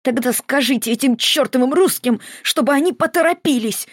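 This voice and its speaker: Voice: high-pitched, a little fast, breathy edge, no echo, clean studio sound, pitched above the performer's own voice. A reader voicing a woman in hard labor who sobs and groans through clenched teeth, in an audiobook. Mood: anguished.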